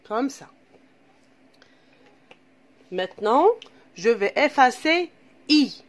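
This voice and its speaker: A woman's voice: on the high side, expressive. A woman teaching a reading lesson to young children, patient and repetitive, asking questions as she goes, with an Algerian French accent. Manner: slow, patient, repeats and asks questions to pupils. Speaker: primary school teacher.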